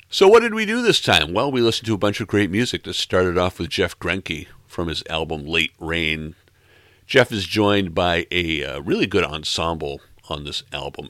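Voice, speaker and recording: Deep-voiced, bright-edged male podcast host. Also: dry recording, clean studio sound. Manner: relaxed, wry and self-deprecating, with easy chuckles. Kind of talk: casual back-announcing of a music podcast.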